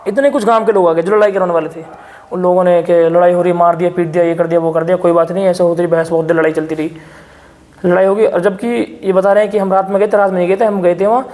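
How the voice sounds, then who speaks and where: Fast-talking, insistent high-voiced man. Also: steady tone, darkish tone, long reverb tail. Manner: rapid, insistent storytelling. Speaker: interviewee. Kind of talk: defensive interview account.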